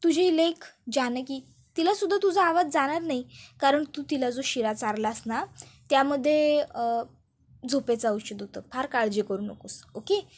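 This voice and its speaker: A woman's voice: high voice, moderate pace, lightly acted. A woman voicing a scheming young female villain who mocks and threatens her captive. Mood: menacing. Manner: mocking, menacing taunts.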